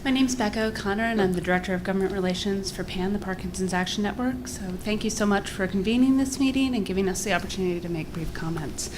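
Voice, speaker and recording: The speaker is an advocacy group director, a woman whose medium-pitched voice moves at a quick pace with hardly a pause, over some background noise. Her public comment is earnest, polite and formal, partly scripted and partly spontaneous, and she's a little breathless.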